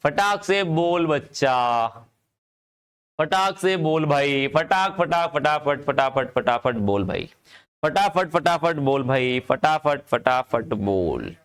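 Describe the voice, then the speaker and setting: Man teaching chemistry, urging quick answers. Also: mid-range voice, expressive, a bit bright. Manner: urges students to answer quickly, repeating phrases; calls students "bachcha" and "bhai". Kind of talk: live online class lecture.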